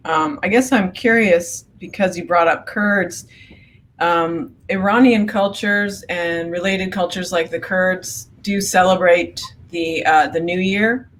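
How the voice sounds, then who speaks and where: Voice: medium pitch, steady tone, takes it slowly, a bit bright, slight background noise. A moderator politely asking the speaker questions, with some "um" fillers. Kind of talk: asking questions in an online talk.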